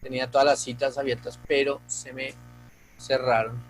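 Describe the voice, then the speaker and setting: A man's voice: mid-range voice, little pitch movement, normal speed, faint music behind, rough recording. A male pastor preaching a sermon, earnest and speaking straight to the congregation.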